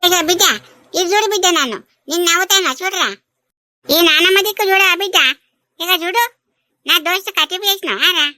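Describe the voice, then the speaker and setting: A woman doing a shrill doting village granny. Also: fairly quick, long pauses, sharp tone, no echo, clean studio sound, exaggerated voice. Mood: soothing. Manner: coaxing, clucks endearments over and over. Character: doting old village grandmother, weepy and fussy. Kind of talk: animated village comedy dub.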